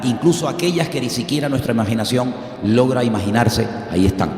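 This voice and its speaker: A man's voice: mid-range voice, darkish tone. A pastor in his sixties from Venezuela, preaching a sermon with humorous stories and earnest warnings. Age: 60s. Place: church hall. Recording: echoey hall with long reverb.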